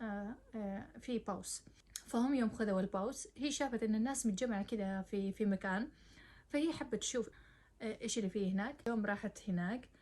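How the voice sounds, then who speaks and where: A woman's voice: mid-range voice, a little mellow. A young woman, giving casual advice to the camera in a chatty, direct way and mixing in English words. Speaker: advice vlogger.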